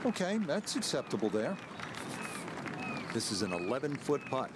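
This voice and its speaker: A man giving measured, understated golf play-by-play commentary. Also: medium pitch, very animated, very noisy. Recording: loud music and crowd ambience behind. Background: music, crowd and outdoor ambience.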